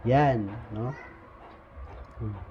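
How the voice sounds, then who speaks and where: Halting man with a dull lo-fi sound. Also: on the low side. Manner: frequent "no?" tag questions, halting with fillers. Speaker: speaker explaining insurgent recruitment levels. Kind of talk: informal explanatory talk. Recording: dull lo-fi recording with faint noise.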